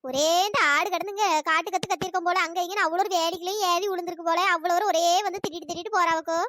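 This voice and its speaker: A woman's voice: fairly even intonation, rapid-fire, sharp tone, dry recording, clean studio sound. A woman voicing a chatty, scolding village woman in a cartoon. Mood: grumbling chat. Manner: scolding, exasperated. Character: chatty village woman, elder sister type. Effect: pitch-raised cartoon voice. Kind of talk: cartoon storytelling.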